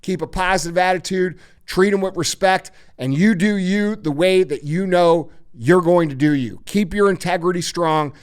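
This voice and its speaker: A man's voice: sits high, moderate pace, few pauses, smooth. A man hosting a podcast, giving blunt, emphatic motivational advice with heavy swearing. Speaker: podcast host.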